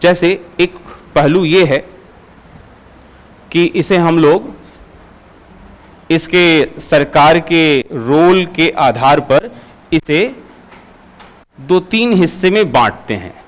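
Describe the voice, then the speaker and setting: A man teaching a lecture class, asking students questions and explaining with everyday examples. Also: fairly high pitch. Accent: Hindi. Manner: asks students questions and answers them; uses homely everyday examples.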